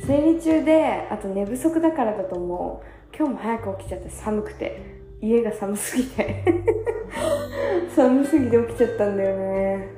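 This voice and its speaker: A tired young woman in her twenties chatting casually on her own, self-mocking and acting out quotes in a higher voice. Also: normal speed, reverberant. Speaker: vlogger. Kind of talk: casual solo chat. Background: soft guitar music.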